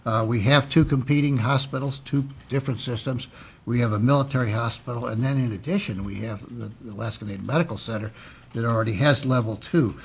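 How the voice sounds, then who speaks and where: A man giving formal legislative testimony in a measured, politician-like official manner, halting with frequent pauses. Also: mid-range voice, creaky, slightly rough. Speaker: physician and state health official testifying. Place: indoor legislative committee room. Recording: noisy public hearing room audio.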